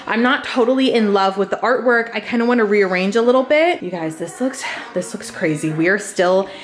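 A woman's voice: medium pitch, animated, a little fast. A young woman in casual vlog chat, upbeat and chatty as she shows things around her house on a handheld camera. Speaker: home vlogger. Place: inside a house.

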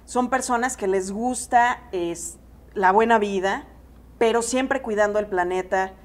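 A woman's voice: medium pitch, a little slow. Woman explaining green consumer trends. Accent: Mexican Spanish. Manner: explanatory, steady, with some restarts. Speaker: environmental specialist. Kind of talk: interview answer. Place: seated in an expo lounge area. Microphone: lapel.

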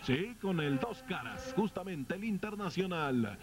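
A man with a Mexican accent giving excited, colorful play-by-play commentary on a wrestling match. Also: sits high, unhurried, noisy background. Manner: colorful, dramatic calls.

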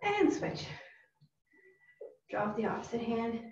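A woman's voice: fairly high pitch, sing-song, slow pace, a little mellow. A woman karate instructor leading a virtual family workout class from home, calling out upbeat, encouraging cues. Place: home room. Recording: roomy, distant and dull-sounding.

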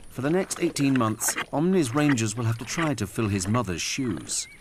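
A man giving scripted narration for a wildlife documentary, measured and gently explanatory, recorded as a studio voice-over. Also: medium pitch, lively intonation, noisy background. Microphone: close studio mic. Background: music under the narration.

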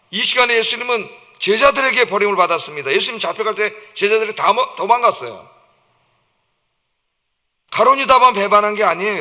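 A man's voice: sits high, bright, forceful tone. A man preaching a dawn-service sermon as a pastor, emphatic and vivid, acting out the taunts of mockers. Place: church sanctuary. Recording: long church reverb.

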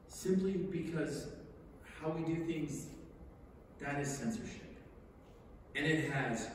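A middle-aged man reads a prepared speech from a podium on a large indoor theater stage, delivering it in an oratorical style as a stage reader. His voice is slightly high with a darkish tone. A distant camera mic captures him in a very echoey hall, with hiss.

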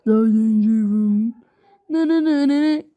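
A woman giving excitable, slangy commentary while playing a video game, talking straight to her viewers. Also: fairly high pitch, unhurried. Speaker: gameplay video host. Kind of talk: casual gameplay commentary.

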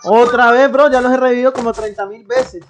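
Fairly high-pitched and fairly quick, a young Colombian woman gives live commentary on the game she's streaming. Her intonation stays fairly even while she hypes up her chat with slang-filled banter.

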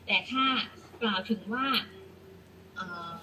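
A woman's voice: fairly high pitch, slow pace, sharp tone, a little hiss or hum, low-quality recording. A woman teacher explaining an English lesson patiently, often repeating herself and spelling out letters one by one.

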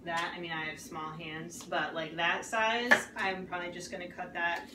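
A woman's voice: on the low side, fairly even intonation, normal speed. Chatty woman explaining a recipe, far off. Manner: chatty, instructive, lots of fillers. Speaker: cooking guide, co-host. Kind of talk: casual cooking show banter. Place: home kitchen, indoors. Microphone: camera across the room. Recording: echoey kitchen from far off, noisy.

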